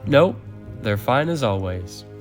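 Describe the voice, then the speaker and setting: A man voicing a bright green male engine who is earnest and literal and recites facts, in a fan audio drama. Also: medium pitch, very animated, takes it slowly, soft background music. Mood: plain.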